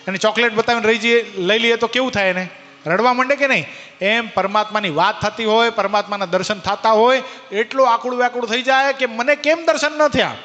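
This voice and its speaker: Bright-voiced Gujarati preacher in a reverberant hall. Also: male voice, highs cut off. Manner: speaks directly to listeners by name, with rhetorical questions; drops to a low hush for emphasis. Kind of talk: devotional sermon. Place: temple hall. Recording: hall reverb with soft background music.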